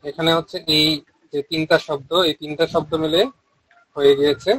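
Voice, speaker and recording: A man with a Bengali accent teaching Sanskrit pronunciation, explaining briskly and then chanting each word slowly and drawn out. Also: on the high side, level tone, fairly bright tone, no room sound, low-quality recording. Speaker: Vedic recitation teacher. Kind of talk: online pronunciation lesson.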